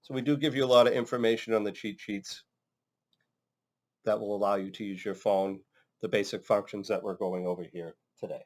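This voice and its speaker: A man's voice: on the low side, fairly even intonation, brisk, darkish tone. A man working as a trainer, narrating an instructional demonstration in a casual, step-by-step way. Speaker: phone system trainer.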